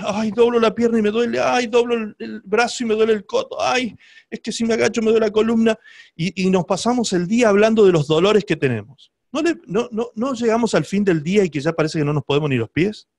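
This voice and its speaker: High-voiced male pastor preaching. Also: no echo, clean studio sound. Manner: emphatic preaching with frequent rhetorical questions to the congregation. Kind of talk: sermon.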